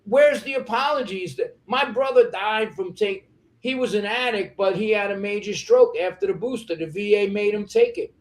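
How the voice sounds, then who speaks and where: Interview guest, man, higher register, heated profane rant. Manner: angry, profane, rapid ranting.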